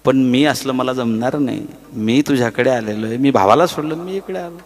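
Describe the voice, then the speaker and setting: A man's voice: mid-range voice, normal speed, long reverb tail. A man preaching a devotional kirtan in speech, telling a story animatedly, acting out its characters and breaking into sung verses. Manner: animated, acts out characters' voices, bursts into sung chant.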